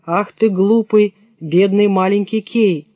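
A gentle young girl asks and pleads in an earnest, raised voice, as a man reading the play puts her on. The sound is close-miked and dry. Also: high-pitched, fairly even intonation, takes it slowly, no echo, dull audio.

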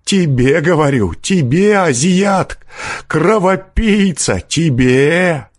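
A man's voice: on the high side, expressive, slow pace, dry recording, clean studio sound, pitched above the performer's own voice. A man reading an audiobook, voicing a desperate poor peasant who shrieks wild accusations. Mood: frantic rage.

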